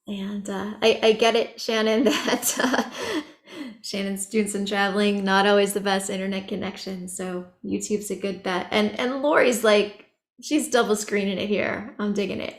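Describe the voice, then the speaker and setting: A woman teaching an online chanting workshop over a video call, chatty and relaxed with light laughs and many fillers. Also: mid-range voice, normal speed.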